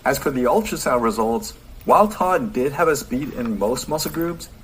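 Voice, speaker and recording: A man's voice: mid-range voice, lively intonation, moderate pace, a little hiss or hum. A man presenting fitness experiment results and narrating, announcing the figures plainly. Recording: video played with music underneath.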